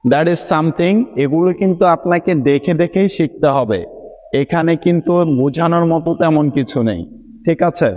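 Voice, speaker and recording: A man teaching English pronunciation in a video lesson, patiently explaining each letter in Bengali mixed with English words and often asking whether it is clear. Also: a little high, normal speed, a little mellow, lo-fi sound.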